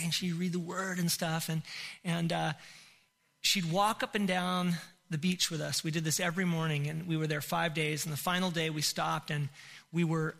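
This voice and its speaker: A middle-aged male pastor tells a story from the pulpit, his voice high for a man and very bright and ringing. He swings between loud, excited bursts and hushed, quiet moments as he acts out the scene. The sound carries a long reverb from a large hall. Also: gravelly. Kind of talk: sermon storytelling.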